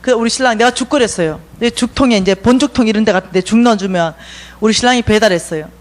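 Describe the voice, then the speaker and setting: A middle-aged woman with a Gyeongsang accent, telling stories in a church seminar and acting out the dialogue with big jumps in pitch and volume. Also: fast. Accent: Gyeongsang Korean. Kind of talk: lively storytelling lecture. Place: church lecture hall.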